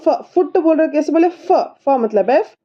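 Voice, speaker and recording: A woman's voice: high-pitched, expressive, a little slow, muffled recording. A woman teaching her child English body words, patiently repeating each word and spelling it letter by letter. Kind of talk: slow spelling lesson.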